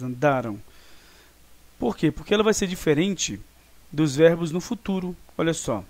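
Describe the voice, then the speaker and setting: This online grammar teacher is a Brazilian man whose slightly high voice carries vocal fry and a Brazilian Portuguese accent. He explains things patiently and keeps checking in with the class.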